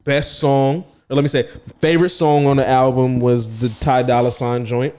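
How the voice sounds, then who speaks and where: A man's voice: mid-range voice, level tone, moderate pace, warm tone, clear, resonant tone. Loose-talking man, casual podcast chat. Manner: loose, profane, many "like" fillers. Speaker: podcast co-host.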